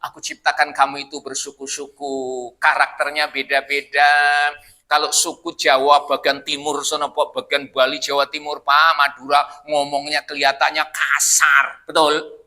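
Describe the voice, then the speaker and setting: A man's voice: a little high, monotone, normal speed, pushed and bright. A man preaching at a mosque study session, joking and asking his congregation questions in a loose, conversational way. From Indonesia. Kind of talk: Quran study sermon.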